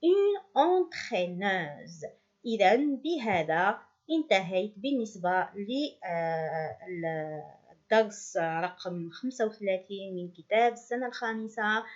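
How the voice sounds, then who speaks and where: A woman teacher, giving a classroom lesson, drawing out syllables slowly with quick asides. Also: medium pitch, lo-fi sound. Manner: slow, drawn-out syllable drilling, switching to quick asides.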